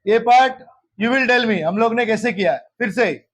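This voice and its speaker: A male math teacher with an extremely high-pitched voice lectures a geometry class at a measured pace, with slight background noise. He often repeats questions and checks whether anyone has doubts, mixing English terms into his Hindi.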